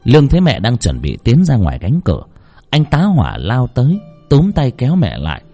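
A man's voice: mid-range voice, wildly swooping pitch, fairly quick, warm tone, soft background music. A man narrating a horror story with dramatic, tense delivery.

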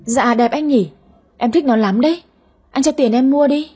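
A woman voicing a greedy, sulky daughter in her thirties with a high, whiny voice in an audio story. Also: normal speed, mellow, breathy edge. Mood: coaxing. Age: 30s. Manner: whiny, cheeky.

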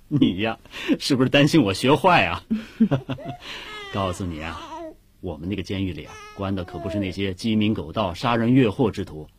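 A man's voice: fairly low pitch, sing-song, moderate pace. An actor playing a mild-mannered middle-aged prison clerk and father from Nanchang, talking politely and easily. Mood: playful, homely. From Nanchang, China. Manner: polite, easygoing. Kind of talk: radio drama acting.

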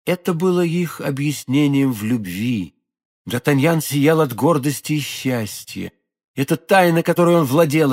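Male audiobook narrator, fairly high voice, expressive and measured. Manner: expressive, measured literary reading. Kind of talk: scripted narration.

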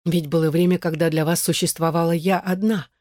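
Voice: medium pitch, steady tone, fairly quick, darkish tone, dry recording, clean studio sound, lightly acted. A reader of an audiobook voicing a passionate, jealous woman who pleads and demands urgently. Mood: pleading, anguished.

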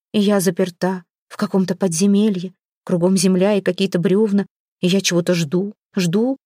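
A woman's voice: medium pitch, warm tone, dry recording, studio quality, natural voice. A woman voicing an anxious, bewildered young daughter in a read-aloud story. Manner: fretful, pleading.

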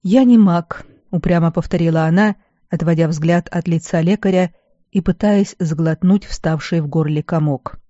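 An audiobook narrator reading a fantasy novel in an even, measured storytelling manner. The recording is dull and dry. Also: mid-range voice, no room sound.

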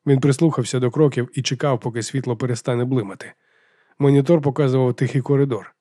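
Man reading a book out loud, steady and even, dead dry mic. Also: medium pitch, fast, no room sound. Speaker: audiobook narrator. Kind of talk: scripted narration.

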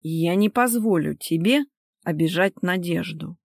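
A woman's voice: mid-range voice, lively intonation, a little slow, no room sound. A woman voicing a stern, domineering husband who speaks in a clipped, sarcastic, commanding way, in a dry close recording. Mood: stern cold.

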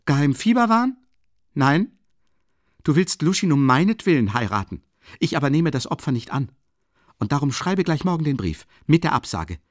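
A man's voice: fairly high pitch, very animated, normal speed, no room sound, studio quality, voice pushed up. A man reading the part of a proud young woman who speaks earnestly and with heat. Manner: earnest, heated.

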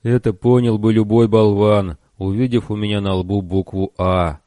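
A man voicing a pale, hulking male android who speaks in a flat, lifeless, toneless voice. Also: lowish voice, moderate pace, no echo, studio quality, lightly acted. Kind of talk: audiobook narration.

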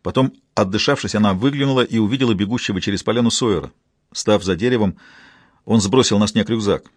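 Low-voiced male audiobook narrator. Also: fast talker, husky, no echo. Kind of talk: scripted narration.

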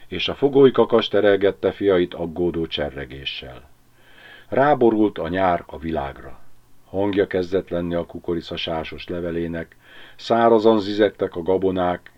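Deep-voiced man reading an audiobook. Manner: calm, measured reading, lifting the voice for dialogue. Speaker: audiobook narrator. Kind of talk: scripted narration. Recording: dull amateur audiobook recording.

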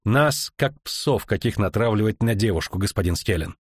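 A man reading an audiobook, voicing a tough, defiant young woman mercenary with a husky, blunt delivery. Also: lowish voice, animated, normal speed, dry recording, clean studio sound. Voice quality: husky, plain-spoken.

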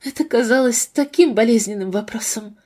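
A woman's voice: a little high, normal speed, a little mellow, natural voice. A woman voicing an earnest young wife who pleads with her husband in a read-aloud novel. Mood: gentle. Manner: pleading, urgent.

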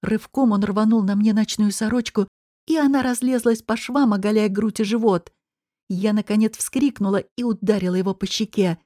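A woman narrating a first-person audiobook in an even, measured way. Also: mid-range voice, no echo, clean studio sound.

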